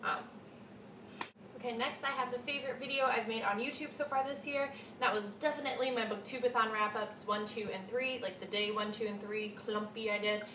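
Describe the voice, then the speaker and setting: This book vlogger in her twenties has a slightly high voice with fairly even intonation, and she talks briskly. Chatting casually to camera from a small, cluttered home room, she gushes and repeats words for emphasis. A camera mic set a short way off yields an echoey, faintly hissy recording.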